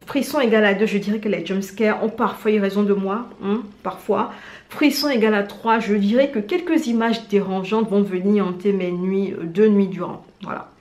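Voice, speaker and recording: A woman vlogger chatting casually in an animated, slangy, self-mocking way as she gives recommendations. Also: medium pitch, normal speed. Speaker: vlogger presenting drama recommendations. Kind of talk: casual chat to camera. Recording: roomy indoor echo.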